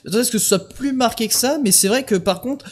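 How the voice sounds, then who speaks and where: A man's voice: very high-pitched, fast. A young man hosting a live stream in casual chat, joking and swearing lightly. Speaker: host.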